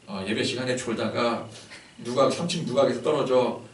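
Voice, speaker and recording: A male pastor preaching a sermon in a conversational, animated way, full of fillers. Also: mid-range voice, moderate pace, slight background noise. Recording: roomy church hall, distant mic.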